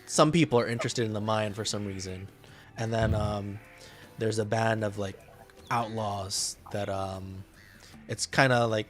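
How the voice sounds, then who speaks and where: A man acting as game master for an online tabletop game, talking in a halting way with many ums and likes over a voice chat mic. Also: fairly low pitch, fairly even intonation, faint music behind.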